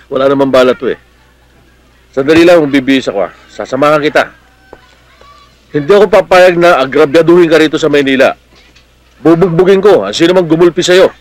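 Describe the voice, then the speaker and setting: A man's voice: on the high side, fairly quick, pauses often, no room sound, lightly acted, rough recording. An actor playing a protective, hot-headed middle-aged policeman uncle in a Filipino film drama, with a Filipino accent and a blustery, affectionate manner. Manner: blustery, scolding yet affectionate.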